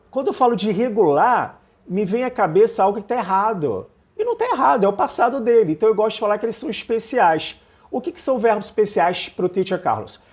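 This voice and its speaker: A man's voice: high voice, darkish tone. Brazilian guy teaching english online, upbeat, goes step by step and keeps checking in. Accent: Brazilian Portuguese. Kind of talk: online language lesson.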